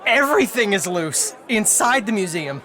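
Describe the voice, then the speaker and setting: Guy playing nervous casual helper dude, high voice, hesitant n sheepish, fantasy audio drama. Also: very animated, normal speed, pushed and bright, a faint crowd, full character voice. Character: sheepish, anxious male menagerie helper.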